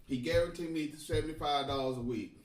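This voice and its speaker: A man telling a profane, animated story on a podcast and laughing often. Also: fairly high pitch, brisk, far from the mic. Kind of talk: casual storytelling. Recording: echoey room, off-mic.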